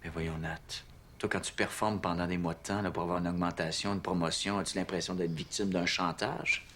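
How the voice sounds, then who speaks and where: A man's voice: low-pitched, fairly even intonation, brisk, fairly bright tone, slight background noise. An actor with a Québécois French accent playing an eager, persuasive father in a family sitcom, talking colloquially and insistently. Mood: earnest. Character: eager, persuasive father of a schoolboy, middle-aged. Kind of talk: naturalistic sitcom dialogue.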